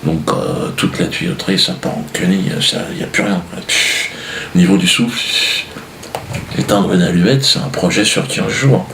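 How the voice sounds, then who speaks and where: A man delivers a loose, sardonic comedy monologue, rambling and full of fillers. His voice is low and gravelly. The room echoes with faint noise behind. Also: moderate pace, a bit bright. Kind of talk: stand-up monologue.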